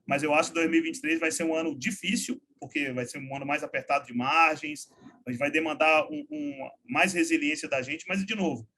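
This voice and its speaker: Energetic man, slangy guest. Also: fairly high pitch, a little fast, slight background noise. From Salvador, Bahia, Brazil. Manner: energetic, informal, frequent slang. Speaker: guest, logistics startup founder. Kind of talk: relaxed interview talk.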